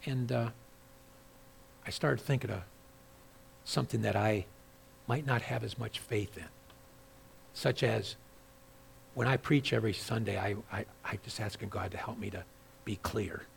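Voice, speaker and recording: A man preaching a sermon as pastor, dropping to quiet asides and then rising loud and high when he reads scripture aloud. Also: a little slow, vocal fry, pauses often, slight background noise. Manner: swings from hushed asides to loud, high-pitched emphatic scripture reading.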